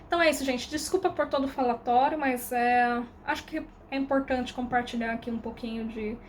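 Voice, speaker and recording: A Brazilian woman in her thirties with a Brazilian Portuguese accent and a high voice, talking to camera in a loose, rambling vlog. She drifts with fillers and casual swearing. A faint hiss of noise sits under her voice. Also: steady tone, fairly quick. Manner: candid and rambling, with slang, swearing and trailing fillers. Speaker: vlogger. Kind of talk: casual reflective monologue to camera.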